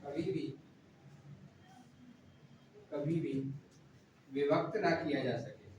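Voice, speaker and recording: A man's voice: on the high side, steady tone, very slow, distant mic. A male teacher, drilling a class in grammar, repeating points and scolding students. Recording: very echoey room, voice from afar, faint noise.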